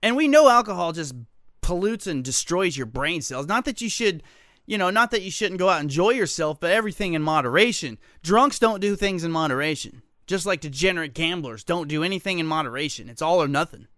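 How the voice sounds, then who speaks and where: A man's voice: on the high side, expressive, brisk, a bit bright, no room sound, clean studio sound. A man hosting a solo talk radio show, reading local news stories and ranting about them with sarcastic, joking asides. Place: radio studio.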